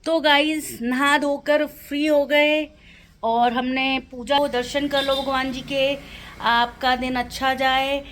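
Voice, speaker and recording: A woman's voice: high-pitched, flat delivery, takes it slowly, a bit bright, a little hiss or hum, poor audio. A middle-aged woman from India, chatting casually to her phone camera at home as she narrates her day and talks to her dog. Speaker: vlogger. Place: home, indoors.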